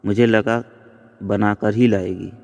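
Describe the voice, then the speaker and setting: A man voicing an excitable young woman who pleads with her friend. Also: fairly low pitch, slow pace, vocal fry. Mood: eager. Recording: long reverb.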